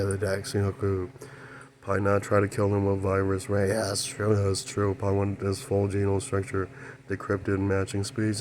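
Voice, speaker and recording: A man's voice: fairly low pitch, a little mellow, slight background noise. A man in a rambling spoken monologue, talking in broken, fragmented phrases and repeatedly affirming himself. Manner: repetitive, keeps affirming himself with "yeah, that's true". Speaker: channel host.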